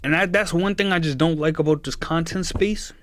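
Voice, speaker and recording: A man's voice: on the high side, a little fast, a bit bright. Young man, earnest streamer pep talk. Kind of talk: casual live-stream chat.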